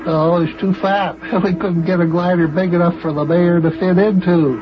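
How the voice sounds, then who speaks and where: A man's voice: high-pitched, steady tone, moderate pace, lightly acted. A man playing a folksy, boastful airplane pilot in an old children's radio serial. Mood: relaxed, chatty. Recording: muffled old radio recording.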